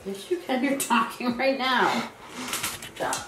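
A mother talking to her teenage daughter off camera, calm and reassuring with a touch of impatience. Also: fairly high pitch, slow pace, background noise. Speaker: vlogger's mother. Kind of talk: casual chat. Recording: echoey room from off mic.

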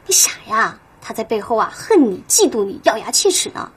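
A sharp-tongued young office woman, chatty and scolding as she spreads gossip in a TV drama. Her voice is a little husky and sits higher than most. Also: big pitch swings, fairly quick. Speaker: office colleague. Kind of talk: TV drama acting.

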